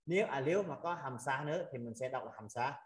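A man teaching an online language lesson, patiently drilling sounds with many drawn-out fillers. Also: mid-range voice, lively intonation, echoey room, poor audio. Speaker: Arabic teacher. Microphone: video call.

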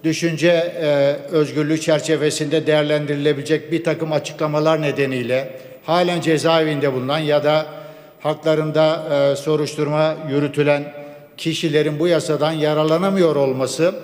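A man delivering a formal parliamentary speech from a rostrum microphone, measured and stacking up laws, dates and figures. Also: on the high side, fairly even intonation, darkish tone. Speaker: member of parliament. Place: speaking at a parliament rostrum microphone in a large chamber. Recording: long hall reverb.

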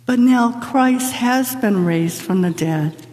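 A woman reads scripture at a lectern, slow and unhurried in a solemn, measured way. Her voice is mellow and soft-edged, and the long reverb of a big church hangs after every phrase. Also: a little high, animated. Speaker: lector. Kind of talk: liturgical scripture reading. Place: large church sanctuary. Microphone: lectern microphone from a far camera.

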